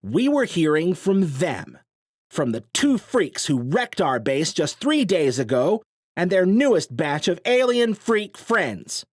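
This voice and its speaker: A man's voice: medium pitch, sing-song, moderate pace, no echo, studio quality, voice pushed up, close to an everyday voice. A man voicing a smug, nasal male resistance commander who sneers and accuses. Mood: sneering.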